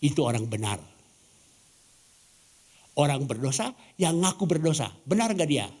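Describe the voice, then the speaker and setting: A pastor from Ambon preaches in a church, his voice sitting a little high for a man. He keeps turning questions back on the congregation and slips into the voices of the people in his stories. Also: very animated, normal speed, darkish tone. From Ambon, Indonesia. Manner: questions the congregation, acts out quoted dialogue. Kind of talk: sermon.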